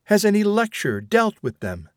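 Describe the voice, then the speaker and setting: A man's voice: sits high, wildly swooping pitch, moderate pace, darkish tone, dry recording, clean studio sound, pitched above the performer's own voice. A man putting on a stern, scolding woman. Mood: reproachful. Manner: scolding, insistent, rhetorical questions. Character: stern elderly woman, devoted to the machine. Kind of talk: audiobook reading.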